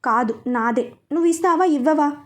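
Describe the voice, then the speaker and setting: Woman reading as a feisty young wife, stubborn, sharp, sulky, high voice. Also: moderate pace, close to an everyday voice.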